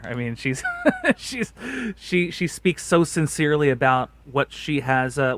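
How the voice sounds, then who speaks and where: A man's voice: mid-range voice, a bit bright, no echo. A man co-hosting a chat, rambling through plugs and upcoming guests with many fillers. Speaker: podcast co-host. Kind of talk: casual chat with channel plugs.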